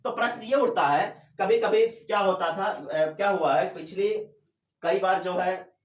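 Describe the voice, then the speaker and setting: A male teacher giving a classroom lecture, asking questions and answering them himself, drawing out words slowly to demonstrate. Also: high voice, recorded from a distance. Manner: drawls syllables slowly to demonstrate. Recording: echoey room.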